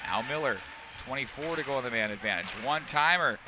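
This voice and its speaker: Man, play-by-play announcer for a hockey game outdoors, noisy street sound behind, middle voice, quick punchy calls. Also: mid-range voice, animated. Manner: rapid calls that rise sharply on scoring chances. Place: outdoor rink broadcast.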